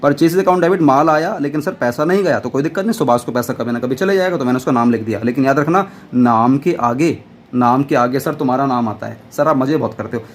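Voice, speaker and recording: A man teaching an accounts class, loud and playful, often answering his own questions in a student's voice. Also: mid-range voice, fast, a little hiss or hum. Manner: loud, almost shouting while teaching. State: dry throat. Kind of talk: classroom lecture.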